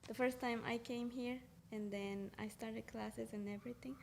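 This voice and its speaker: A woman's voice: on the high side, normal speed, vocal fry, slight background noise. A young woman from Mexico, a student guest, telling stories animatedly with laughs. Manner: animated storyteller, laughs mid-story. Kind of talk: casual chat.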